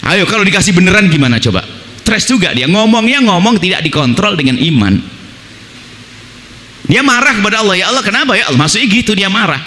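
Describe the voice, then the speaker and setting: A man preaches a lively, conversational sermon, slipping into a lower voice to act out people's prayers. His voice is bright and fairly high. It rings the long reverb of a hall. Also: a little fast.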